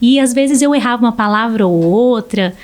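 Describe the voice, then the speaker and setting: Brazilian woman speech therapist, highish voice, explains stuff casually like a teacher. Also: normal speed, a little mellow. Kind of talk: casual podcast conversation.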